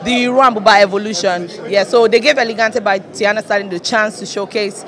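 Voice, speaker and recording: Woman, Nigerian accent, quick pace, designer, casual red carpet interview, busy crowd behind. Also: medium pitch, steady tone. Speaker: fashion designer being interviewed. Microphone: interviewer's handheld microphone.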